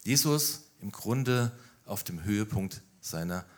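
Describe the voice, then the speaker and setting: A man preaching a sermon, telling the story with animated emphasis and rhetorical questions. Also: fairly low pitch, slow.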